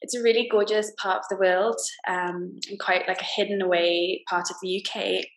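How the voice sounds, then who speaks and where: A woman, a guest novelist talking casually about her book on a video call, slightly croaky from a cold, with lots of fillers and restarts. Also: mid-range voice, little pitch movement, moderate pace. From Wales. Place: small plain room indoors. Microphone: laptop video call. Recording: roomy video call audio.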